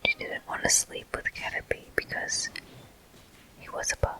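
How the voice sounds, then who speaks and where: A bright, forceful whisper delivers ASMR game commentary from a walkthrough host who speaks slowly, with pauses, close to the microphone. Faint music plays behind, and the recording is rough.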